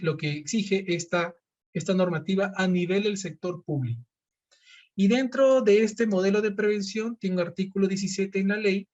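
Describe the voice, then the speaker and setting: A seminar presenter with a high-sitting, slightly mellow voice gives an online lecture, captured with lo-fi sound. He explains things step by step, asking questions and then answering them himself.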